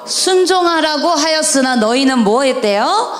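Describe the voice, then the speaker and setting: A woman's voice: high voice, lively intonation, normal speed, reverberant. A woman preacher voicing God as an exasperated, insistent father who urges his people to obey. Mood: exasperated urging. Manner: scolding, urging obedience.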